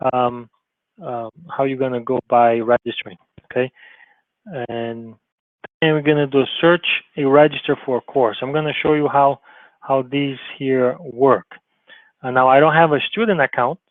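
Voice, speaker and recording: A male college advisor with a mid-range voice runs an informal screen-share tutorial, talking loosely, restarting sentences and often checking in with "okay?" The sound is narrow, tinny and phone-like, with no echo.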